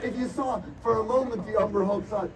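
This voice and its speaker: A man hosting a live tabletop role-playing show as game master, narrating theatrically with dramatic, drawn-out suspense. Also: sits high. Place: outdoor stage at a Renaissance fair. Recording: distant mic, loud crowd and noise.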